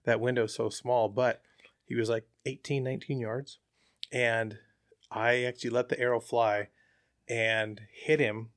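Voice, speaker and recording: A man's voice: mid-range voice, measured pace, no room sound. Chatty man, dry close sound. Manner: relaxed, chatty, with frequent fillers. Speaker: hunter, interview guest. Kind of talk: casual storytelling.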